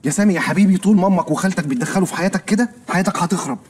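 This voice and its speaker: A man's voice: high voice, racing, husky. An actor playing a lonely overweight young man, nervous and polite, talking in flustered comic patter in a film comedy. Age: young adult.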